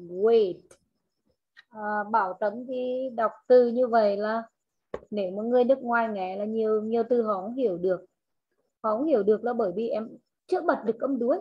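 A woman English teacher in an online class, slowly modelling words, repeating them and correcting her students' pronunciation. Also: a little high, breathy edge, dull audio. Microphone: video call.

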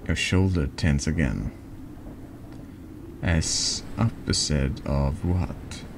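Reading a text adventure game aloud, a streamer slowly narrates horror story dialogue in an ASMR-like way. His very deep, gravelly voice halts and trips over words against a noisy background.

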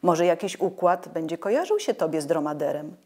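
A woman reading as a soft, patient mother. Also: fairly low pitch, fairly quick, slightly rough. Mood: gentle. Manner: soft, calm, explaining. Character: gentle, patient mother explaining stars.

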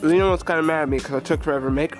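A man's voice: on the high side, rapid-fire, music in the background. A young man from California chatting casually in a travel vlog, laid-back and joking, filmed on a handheld camera. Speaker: vlogger's partner. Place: outdoors in snow and indoors in a restaurant and subway.

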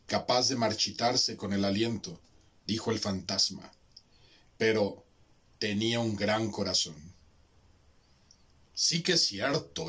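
A man narrating a classic story slowly and deliberately as part of a group reading. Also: mid-range voice, a bit bright, breathy edge. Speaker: volunteer reader. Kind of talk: audiobook narration.

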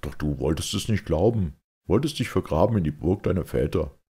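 A man voicing a warm, fatherly veteran commander in an audiobook. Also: sits low, expressive, fairly quick, husky, voice pushed up, full character voice.

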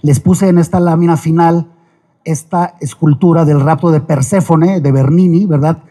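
A middle-aged man with a Mexican accent giving a lively, folksy talk on ethics, full of quick asides and jokes. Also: fairly high pitch. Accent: Mexican Spanish. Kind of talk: lecture-style public talk.

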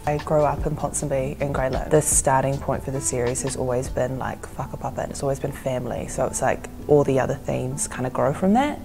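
A woman's voice: a bass voice, brisk, creaky, few pauses. A young woman from New Zealand, a documentary director, talking thoughtfully in a casual interview. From New Zealand, Fijian and Tongan heritage. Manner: reflective, thoughtful, frequent "like". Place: gallery, seated indoors. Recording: music bed underneath.

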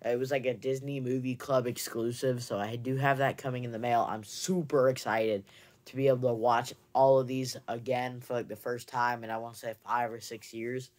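A man's voice: medium pitch, level tone, normal speed, darkish tone. A young man in a casual haul video, chatting and rambling with many fillers, recorded on a camera mic in a room at home. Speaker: movie collector vlogger. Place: indoor room with shelves of movies. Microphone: camera mic, seated facing camera.

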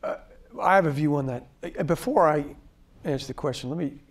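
A man's voice: fairly high pitch, a little fast. A man, a library director, telling a story on a panel.

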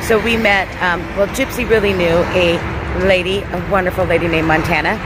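A woman's voice: fairly low pitch, steady tone, a little fast, very noisy. A woman in her fifties, a hiking vlogger, chatting casually to the camera held at arm's length outdoors, calling her viewers guys. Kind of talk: casual vlog talk to camera. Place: outdoors, on a trail and in a small town. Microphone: phone held at arm's length.

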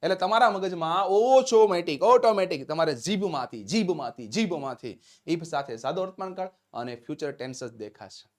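A man with a Gujarati accent teaching spoken English in a live-streamed lesson, upbeat and encouraging, slowly drawing out English phrases as he dictates them. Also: on the high side, animated. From Gujarat, India.

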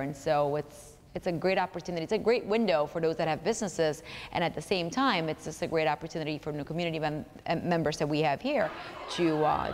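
A woman's voice: deep voice, slight background noise. A woman in her thirties giving an enthusiastic, informal on-camera interview. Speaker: event organizer interviewee. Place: large tiled indoor hall. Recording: echoey hall, long reverb.

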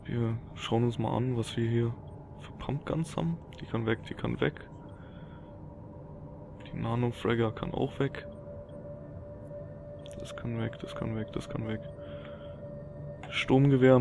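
A man's voice: mid-range voice, fairly even intonation, measured pace, vocal fry, long pauses, noisy background. A man giving casual gameplay commentary as a let's player. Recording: game music and effects behind. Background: video game music and action sounds.

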